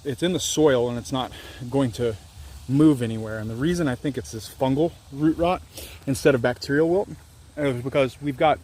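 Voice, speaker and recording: An organic farmer in his thirties from Louisiana films himself outdoors on his farm with a handheld camera held at arm's length. In this casual vlog he chats candidly, rambling and poking fun at himself. His voice is medium-pitched and a little mellow.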